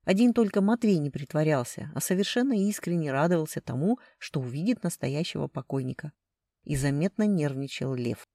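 A woman narrating a first-person novel in a dry, ironic and expressive way. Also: low-pitched, a little fast, dry recording. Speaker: audiobook narrator.

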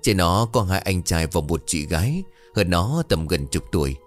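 A man narrating a ghost story in an expressive, dramatic reading style. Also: deep voice, normal speed, soft background music.

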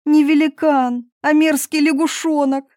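A woman voicing a spoiled, easily frightened young princess with high, eager exclamations in a storybook reading. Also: fairly even intonation, measured pace, darkish tone, no echo, studio quality.

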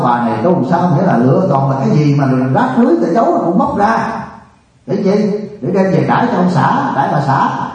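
A man's voice: sits high, a little mellow. A man, a monk, preaching in a scolding, rhetorical way that keeps pressing the listeners with questions. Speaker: monk giving a dharma talk. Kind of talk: sermon. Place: large meditation hall. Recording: echoey, distant, muffled hall recording.

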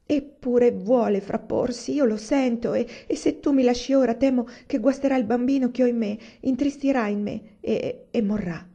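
A woman reading a story aloud and voicing an eager, anxious young wife who pleads in an emotional, higher voice. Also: moderate pace, hardly any pauses, warm tone. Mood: pleading. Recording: dull lo-fi recording.

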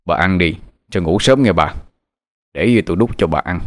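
A man's voice: low-pitched, normal speed, natural voice. Man doing a menacing dog spirit in a husband. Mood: gruff. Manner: menacing, hissing threats through teeth. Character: vengeful dog spirit possessing an old husband.

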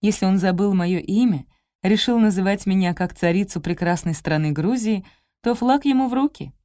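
A woman narrating a light detective story in the first person as an audiobook, with a lively storytelling manner. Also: medium pitch, moderate pace, no echo, studio quality.

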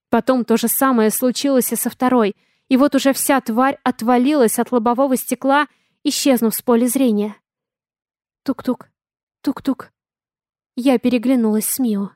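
A woman with a fairly high voice narrating a first-person audiobook. She reads expressively and makes the drama of the story come through. The recording is close and dry, with no room sound. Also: a little mellow, no echo.

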